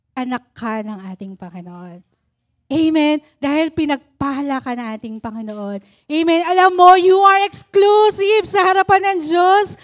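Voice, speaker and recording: High-voiced Filipino woman preaching. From Philippines. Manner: chatty, laughing, asks "Amen?" often. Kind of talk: Taglish sermon.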